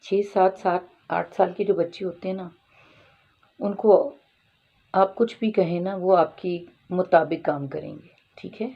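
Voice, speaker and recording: A woman's voice: lowish voice, fairly even intonation, creaky, lo-fi sound. A woman giving parenting advice in Urdu mixed with English words, explaining patiently and often checking if listeners follow. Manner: explains patiently, often asking "theek hai?". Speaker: parenting advisor.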